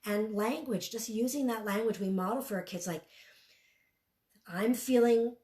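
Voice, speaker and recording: A woman's voice: mid-range voice, a little fast, a little mellow. A woman speaking as a parenting expert, telling stories in an earnest, conversational way with many "you know" fillers. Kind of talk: storytelling talk. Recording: roomy echo.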